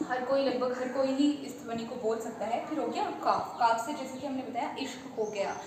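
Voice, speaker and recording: A woman's voice: sits high, moderate pace, a little mellow. A woman teaching a patient beginner language lesson, repeating each letter name step by step. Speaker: Urdu teacher. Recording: echoey room from a distance with faint noise.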